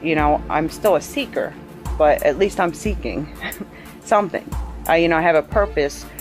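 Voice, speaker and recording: A woman giving an emotional personal testimony as an eyewitness, halting and earnest, with many fillers and restarts. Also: low-pitched, lively intonation, soft background music. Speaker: eyewitness interviewee.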